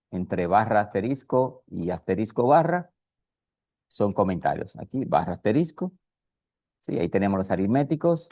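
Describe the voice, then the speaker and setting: A man with a low, mellow voice teaches a programming class. He explains patiently, step by step, and keeps checking in with his students. The sound is dry and close, with no room echo. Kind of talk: recorded class lecture with screen coding.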